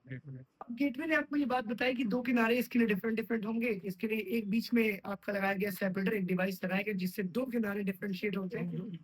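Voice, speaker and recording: A man's voice: high-pitched, fairly quick, husky, low-quality recording. A man teaching computer science in a classroom, often stopping to put check questions to his students. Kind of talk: classroom lecture.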